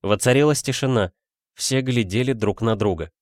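Male audiobook narrator, even storytelling, dry close recording. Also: mid-range voice, moderate pace, no echo. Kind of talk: reading a detective story.

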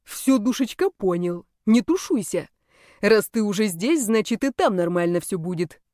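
A woman's voice: mid-range voice, animated, normal speed, dark tone, no room sound, close to an everyday voice. Brash teasing young male naga student, read by a woman, dry close audiobook sound.

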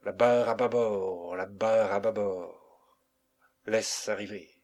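A man reading the part of a male sailor who shouts urgent warnings at the helm. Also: mid-range voice, unhurried, natural voice. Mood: alarmed.

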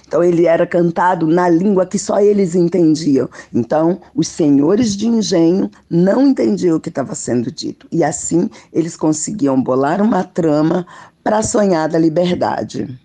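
Brazilian woman, hoarse and raspy, dark mellow tone, heavy creak, informal explaining. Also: lowish voice. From Barra do Piraí, Rio de Janeiro state, Brazil. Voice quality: raspy, husky. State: hoarse from a throat problem. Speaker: guest, traditional jongo master.

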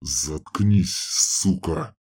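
A cruel bandit leader snarls his threats in a very deep, low growl, as a male audiobook reader puts him on. His voice sits far beneath normal speech and stays slow and menacing. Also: darkish tone, exaggerated voice. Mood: snarling. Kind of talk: audiobook character voice.

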